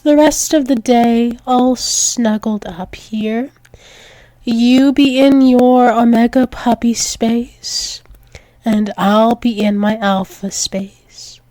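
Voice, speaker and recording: In an intimate ASMR roleplay, a woman with a rather high, darkish voice plays a tender, possessive alpha werewolf demon lover. She is soothing and repetitive, with small hesitant stumbles, recorded dry on a close microphone with no echo.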